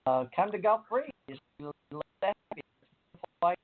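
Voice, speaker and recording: Chatty host, call dropping out, tinny phone-like sound, middle-pitched voice. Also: sing-song, slow, slight background noise. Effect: video call breaking up and cutting out. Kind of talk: casual group call chat.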